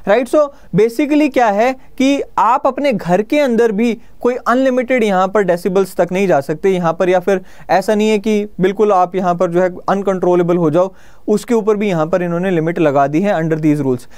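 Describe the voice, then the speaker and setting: A man in his thirties with an Indian accent delivers a conversational, explanatory lecture in a blend of Hindi and English, teaching like an exam-prep instructor and frequently rephrasing his points. His voice sits high with a darkish tone at a normal speed. He's recording in an indoor studio before a presentation screen.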